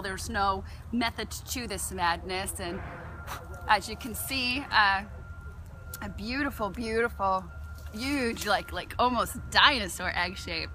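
A woman's voice: mid-range voice, pushed and bright, a little hiss or hum. A woman with a New Jersey accent, talking her viewers through foraging and cooking mushrooms in a chatty, playful, rambling way. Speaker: holistic health vlogger. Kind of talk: casual cooking and foraging vlog.

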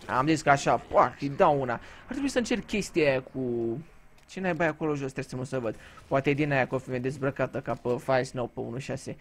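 A man's voice: medium pitch, expressive. A man from Romania giving casual gameplay commentary, telling crude, joking stories and swearing freely. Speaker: gaming YouTuber.

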